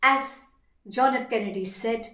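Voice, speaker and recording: A woman with an Indian accent delivering formal competition oratory in a declamatory, deliberate, emphatic manner with dramatic pauses. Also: fairly high pitch, a bit bright. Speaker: teacher competing in elocution contest. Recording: echoey room.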